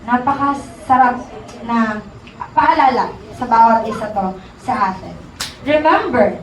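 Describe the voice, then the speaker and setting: A woman with a high voice preaches to her congregation in a casual, chatty way, often checking that her listeners agree. She sounds a little distant from the microphone, in a roomy hall with a faint hum of ambience behind her. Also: unhurried. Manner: conversational, mixing in English, asks the crowd for agreement. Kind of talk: sermon. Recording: echoey room, from far off.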